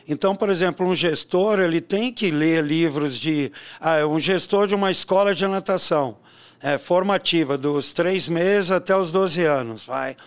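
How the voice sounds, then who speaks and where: Older man with a high, smooth voice. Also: moderate pace. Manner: animated storyteller, peppers talk with tag questions. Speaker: swimming coach and educator. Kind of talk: casual interview talk.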